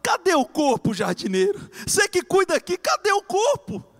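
A man's voice: very high voice, huge pitch swings, moderate pace, long reverb tail, heavily acted. A man voicing a grieving woman who wails and pleads for her lord's body. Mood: pleading. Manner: wailing, pleading cries.

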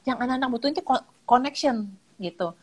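A woman speaking as a child psychologist in a casual chat, animated, acting out parents' lines with lively intonation and mixing in English words. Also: high voice, fast talker, husky. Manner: mixes English words into speech. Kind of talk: casual live-stream chat.

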